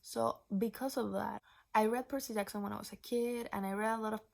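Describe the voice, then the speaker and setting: Gravelly chatty young woman vlogger. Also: medium pitch, fairly even intonation, fairly quick, a little mellow. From Venezuela. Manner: chatty, rambling with frequent restarts and asides; drops into breathy whispers for asides. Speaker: book vlogger. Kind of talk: casual chat.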